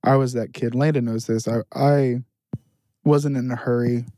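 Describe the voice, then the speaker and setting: A man's voice: mid-range voice, fairly even intonation, normal speed, dark tone, dry recording. Reflective young man, dry close sound. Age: 20s. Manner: hesitant, reflective, many fillers. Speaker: podcast co-host. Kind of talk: casual chat.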